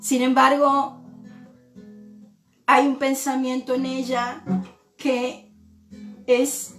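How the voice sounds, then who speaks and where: A woman pastor from Argentina, preaching a sermon in a slow, reflective way and often repeating words as she thinks. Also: high-pitched, flat delivery, a bit bright, roomy sound, soft background music.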